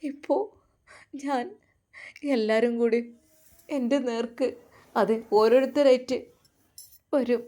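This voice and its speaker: A remorseful young wife pours out her troubles in a low, confiding voice, as a woman storyteller puts her on. The tone is soft and mellow rather than bright. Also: fairly even intonation, slow pace, pauses often.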